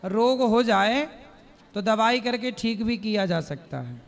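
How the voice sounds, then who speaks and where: A high-pitched man gives calm, direct spiritual counsel in a question-and-answer session. His short questions ring out with a long echo in a large hall. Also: a little slow, vocal fry. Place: large hall before an audience. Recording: reverberant hall.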